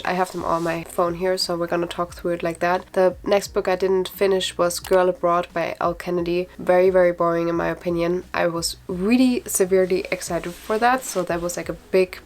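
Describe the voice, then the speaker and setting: A woman chatting casually on her video channel, giving frank opinions with lots of fillers. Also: on the low side. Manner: frequent fillers like "like" and "actually". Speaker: book vlogger. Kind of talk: casual book ranking vlog.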